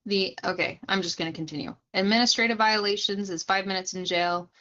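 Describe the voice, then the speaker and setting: A woman's voice: mid-range voice, steady tone, a little fast, pushed and bright, muffled recording. A young woman casually explaining roleplay police charges on a livestream, chatting to viewers and laughing easily.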